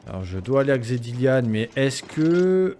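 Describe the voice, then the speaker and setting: A man's voice: medium pitch, big pitch swings, moderate pace, warm tone. A man hosting a video game let's play, rambling and swearing playfully as he keeps interrupting himself mid-sentence. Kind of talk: casual gameplay commentary.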